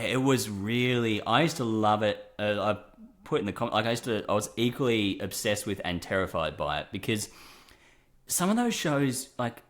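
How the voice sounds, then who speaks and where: A young man from Australia co-hosting a casual chat show, chatty and quick to laugh, jumping from story to story. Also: on the low side. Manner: chatty, laughs often, jumps between stories. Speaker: podcast co-host.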